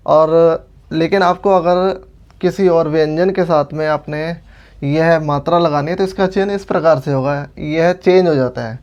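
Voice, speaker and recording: A man's voice: on the high side, darkish tone, highs cut off. A man teaching a language writing lesson step by step, explaining each sign patiently as he draws it. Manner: patient, methodical, explains while drawing.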